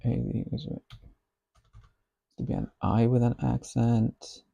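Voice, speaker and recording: Guy working through code out loud, slow and murmury, very dark husky voice. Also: medium pitch, fairly even intonation, no room sound. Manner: slow, musing, half to himself. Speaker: software developer. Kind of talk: thinking aloud while coding.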